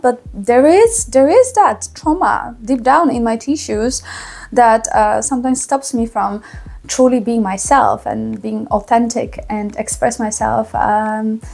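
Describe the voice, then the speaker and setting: A woman from a small town in Poland, speaking with a Polish accent, records a reflective personal testimonial to camera as a vlogger. Her voice is fairly high and somewhat dark in tone, and she talks earnestly with thoughtful, halting pauses.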